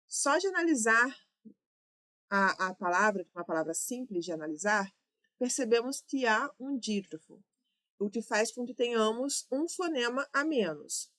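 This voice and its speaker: Slightly high-voiced woman teaching grammar. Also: a bit bright. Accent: Brazilian Portuguese. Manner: explains step by step, often checking herself. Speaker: Portuguese teacher. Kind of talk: exam-prep lesson.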